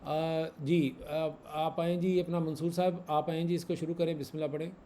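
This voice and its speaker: A man's voice: a little high, little pitch movement, moderate pace, mellow, slight background noise. A man teaching a class, patiently repeating examples and quizzing his students. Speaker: Arabic grammar teacher. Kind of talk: online class lesson.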